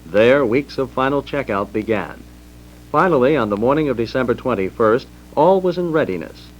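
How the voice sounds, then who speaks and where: A man's voice: medium pitch, animated, a little hiss or hum. Formal American male narrator, dull vintage recording. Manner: formal, measured announcing. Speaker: documentary narrator. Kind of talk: scripted historical narration.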